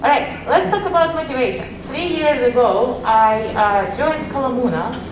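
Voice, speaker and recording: A woman from Ukraine with a Ukrainian accent gives a friendly conference talk full of "uh" fillers, her high voice animated and at normal speed though slightly muffled. Recorded from a distance in an echoey session room, the audio has a noisy background.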